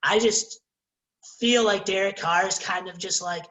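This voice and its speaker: Relaxed man hosting sports chat. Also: sits high, measured pace, echoey room, poor audio. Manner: relaxed, leads the discussion and moves to new topics. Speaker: podcast co-host.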